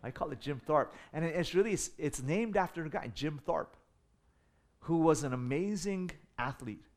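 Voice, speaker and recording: A man's voice: fairly high pitch, normal speed. A middle-aged man from the United States preaching a sermon, telling stories with humor and building in intensity. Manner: animated storytelling with humor, rising in volume for emphasis. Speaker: pastor.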